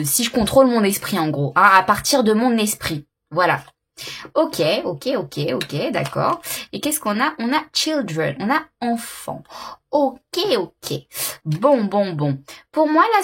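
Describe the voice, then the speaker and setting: A woman with a slightly husky, breathy voice reads tarot cards for her viewers in a relaxed, searching way. She pauses often on fillers and repeats her words as she works out what she senses. Her pitch sits in an ordinary middle range. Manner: hesitant, many fillers and repeated words, intuitive musing. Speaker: tarot card reader. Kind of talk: casual monthly tarot reading to camera.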